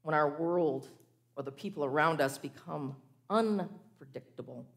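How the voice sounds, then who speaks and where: A woman preaching a sermon, telling a story in a measured way and slowing down on key phrases. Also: sits low, gravelly.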